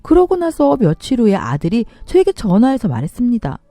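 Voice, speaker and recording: Expressive woman story narrator. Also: on the high side, fairly quick, no room sound, soft background music. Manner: expressive, acting out her own shocked lines. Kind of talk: dramatic story reading.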